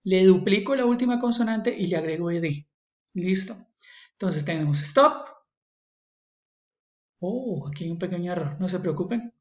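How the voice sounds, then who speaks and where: A man's voice: sits high, expressive, normal speed, pauses often. A man with a Colombian Spanish accent teaching English grammar in a recorded online lesson. He repeats each rule and keeps checking in with his students. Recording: echoey, slightly dull screen recording.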